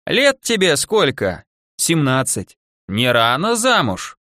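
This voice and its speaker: A toothless old witch woman in a storybook, as a male reader puts her on, speaks slowly, drawing out every question. Her spells come out as a nasal mutter. The voice swings widely in pitch and sits dry and close to the mic. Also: wildly swooping pitch, bright, forceful tone, no room sound, exaggerated voice. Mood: probing. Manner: slow, drawn-out questioning. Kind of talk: audiobook character voice.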